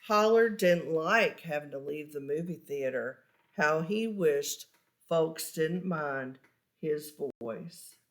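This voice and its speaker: A woman reading a children's storybook aloud with expressive narration and deliberate, animated emphasis on key words. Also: deep voice. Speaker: storybook reader.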